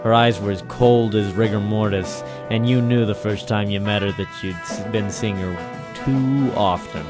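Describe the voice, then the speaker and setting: In a 1940s radio noir broadcast, an actor plays a cynical, hard-boiled waterfront private operator who wisecracks in deadpan, terse lines. His lowish male voice moves at a moderate pace over music, lightly acted, sardonic and tough, mixing first-person narration with dialogue.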